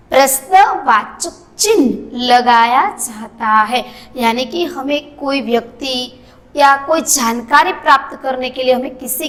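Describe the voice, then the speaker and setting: A woman teaching a grammar lesson to children, explaining slowly and restating each point. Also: sits high, a bit bright.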